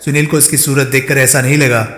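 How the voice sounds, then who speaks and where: A man narrating a crime novel audiobook in a measured, even storytelling manner. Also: mid-range voice. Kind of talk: scripted narration. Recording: roomy echo, long reverb.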